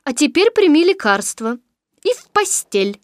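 Storybook mother kangaroo acted by a woman: high voice, cheerful, coaxing and briskly firm, dry close recording. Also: sing-song, dry recording. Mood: motherly insistence.

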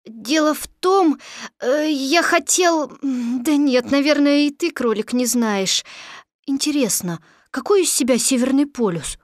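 A woman's voice: high voice, measured pace, no room sound, pitched above the performer's own voice. An earnest little boy muses aloud in a raised, childlike voice, as a woman reads him aloud. The sound is close and dry. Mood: curious. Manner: hesitant, musing speech. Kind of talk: storybook read-aloud.

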